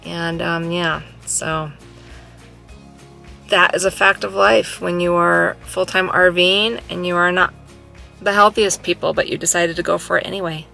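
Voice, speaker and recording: A man with a high, bright voice and noticeable creak chats casually. He sounds informal and reassuring, as in a personal vlog. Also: steady tone, measured pace, soft background music.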